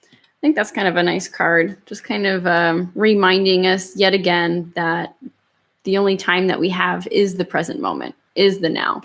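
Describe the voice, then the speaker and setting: A woman's voice: lowish voice, steady tone, normal speed, a bit bright. A woman yoga and meditation instructor chatting informally to her online class in a loose, conversational way. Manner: informal, conversational, hedging with "kind of". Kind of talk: casual chat to an online class.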